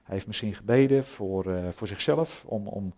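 A man preaching a sermon, retelling a Bible story in a casual, conversational way, pausing often with filler sounds. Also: on the low side, warm tone. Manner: conversational, hesitant with many fillers.

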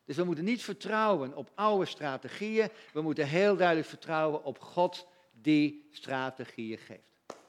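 A man preaching a sermon in a conversational, animated way, acting out little voices and asides. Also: a little high, unhurried.

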